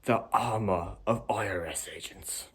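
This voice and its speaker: A solemn, fatherly kung fu master, played by a man speaks slowly and grandly. His voice sits low. It is an amateur comedy film. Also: slightly rough. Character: wise old father, kung fu tax mentor.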